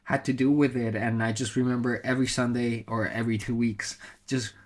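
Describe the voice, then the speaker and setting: A man's voice: medium pitch, little pitch movement, a little fast. A man from Colombia, a motorsport content creator, talking casually in an interview, thoughtful and full of fillers and restarts. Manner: reflective, with many fillers and restarts.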